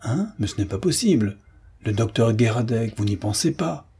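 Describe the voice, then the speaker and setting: A fussing, devoted concierge who cries out in alarm over his friend, put on by a man lifting his husky voice higher. The tone stays dark and breathy beneath the worry. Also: lively intonation, normal speed, exaggerated voice. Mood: fretful. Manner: anxious exclamations, higher pitched. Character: fretful, devoted old male concierge.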